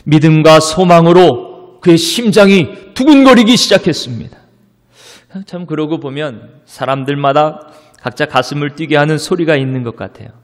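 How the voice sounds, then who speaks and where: A man's voice: fairly high pitch, normal speed. Dramatic male pastor in a reverberant church. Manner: dramatic, swings from loud to hushed. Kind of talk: sermon. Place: church sanctuary. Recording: long church-hall reverb.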